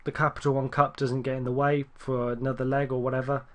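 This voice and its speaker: A man giving casual, rambling gameplay commentary, correcting himself often and getting excited at near misses. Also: medium pitch, fast talker. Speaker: gaming YouTuber.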